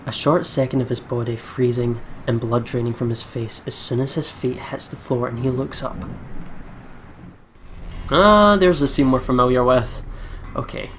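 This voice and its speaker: Over game music and slight background noise, a man with a mid-range, somewhat bright voice speaks at a moderate pace. He's a let's play YouTuber reading a visual novel aloud dramatically, with casual chatter in between.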